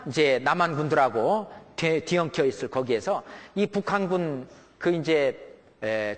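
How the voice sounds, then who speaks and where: A man's voice: fairly high pitch, in a large hall. A man preaching a sermon to a congregation in a conversational way, often checking in with his listeners and acting out the voices of family members. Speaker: pastor. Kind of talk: sermon on raising children.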